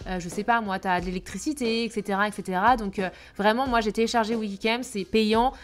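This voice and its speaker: A young woman giving casual travel tips in a chatty way, with frequent hesitations. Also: mid-range voice. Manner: chatty, many filler hesitations. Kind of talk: casual chat to camera.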